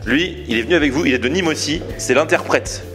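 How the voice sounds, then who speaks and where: A man's voice: on the high side, fast talker, a bit bright. A French man hosting a travel vlog, chatty and upbeat, recorded outdoors on a camera mic. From France. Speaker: vlogger host. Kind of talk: travel vlog narration and chat. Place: outdoors at a food competition. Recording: music playing under the voice.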